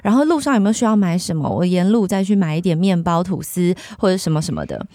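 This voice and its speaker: Animated Taiwanese woman telling her story. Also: fairly low pitch, fast talker, dry recording, clean studio sound. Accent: Taiwanese Mandarin. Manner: lively, animated storytelling with acted-out quotes. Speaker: guest. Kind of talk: candid personal storytelling.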